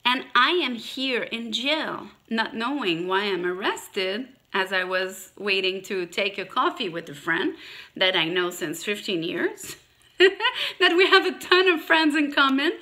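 A woman with a French accent, talking straight to her viewers with emphasis and many halting restarts, a little congested from allergies. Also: mid-range voice, animated, bright, forceful tone. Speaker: YouTuber. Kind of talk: direct-to-camera monologue.

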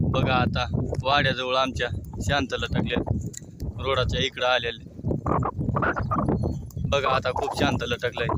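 Shepherd talking outdoors over bleating sheep. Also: male voice, medium pitch, very noisy. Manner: addresses viewers as friends, keeps pointing things out. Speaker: shepherd vlogger. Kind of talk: casual narration to camera. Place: outdoors at a sheep pen by a road. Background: bleating sheep and lambs.

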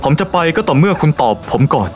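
A man's voice: a little high, big pitch swings, quick pace, faint music behind. An actor playing a persistent male con man who poses as a prince, in a dubbed drama. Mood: pressing. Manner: persistent, challenging, pleading.

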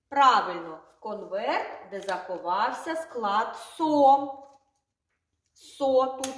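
A kindergarten teacher with a high voice that rises and falls widely. She talks slowly, in a sing-song way, repeating each word clearly for little children. The room is echoey. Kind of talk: speech lesson for young children.

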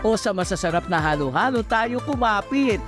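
A man's voice: high-pitched, lively intonation, normal speed. A man narrating a light news feature in a playful, sing-song rhyming style. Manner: playful, rhyming, rhythmic delivery. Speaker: feature reporter. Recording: voice-over with loud background music.

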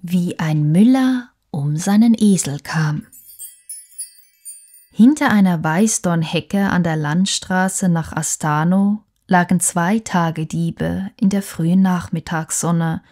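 A woman reading fairy tales aloud as a bedtime story, softly, sometimes dropping into a whisper. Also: lowish voice, soft background music. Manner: slow, soft, with whispered passages.

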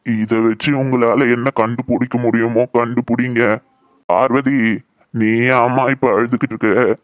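Man voicing a gentle old grandfather. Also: medium pitch, level tone, no echo, lo-fi sound, close to an everyday voice. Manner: slow, soothing, consoling. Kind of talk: cartoon voice acting.

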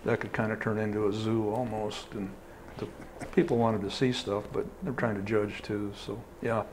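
A man's voice: lowish voice, little pitch movement, moderate pace, background noise. An older man, a fair superintendent, talking plainly and easygoing in a studio interview. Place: small TV studio. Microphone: lapel mic.

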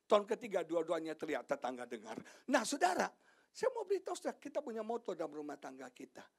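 A middle-aged male pastor preaching an animated sermon, swinging from shouted lines to hushed asides and joking with the congregation. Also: sits high, fast, breathy edge. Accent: Indonesian. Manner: jokes with the congregation, asks them questions. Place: church sanctuary.

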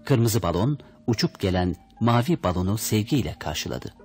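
A man's voice: lowish voice, lively intonation, normal speed, darkish tone, soft background music. A man reading a children's story aloud, expressively voicing the characters' lines. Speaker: audiobook reader. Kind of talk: storybook narration.

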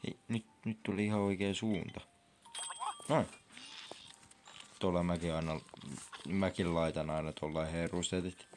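A man's voice: sits low, fairly even intonation, pauses often, darkish tone, slight background noise. A young man giving casual commentary over his gameplay, chatty and reacting with sudden whoops and squeals. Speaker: gaming vlogger. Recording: faint game music behind.

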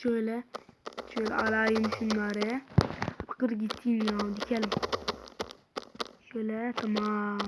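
A woman's voice: a little high, level tone, measured pace, pauses often. A woman giving casual, rambling let's-play commentary and chatting to her viewers while she plays. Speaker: gamer. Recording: noisy home mic with clicks.

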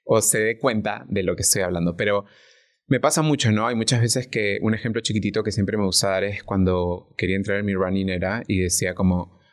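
Un hombre invitado a un pódcast que habla de forma sincera y reflexiva, y que busca a menudo la confirmación de su interlocutora. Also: male voice, fairly low pitch, fairly even intonation, brisk. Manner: earnest, reflective, often checks in with "¿no?". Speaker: podcast guest. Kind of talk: casual podcast conversation.

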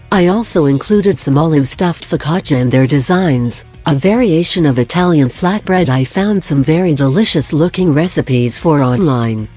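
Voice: mid-range voice, darkish tone. A narrator reading a scripted voice-over for a drawing video, with dry, self-deprecating humor.

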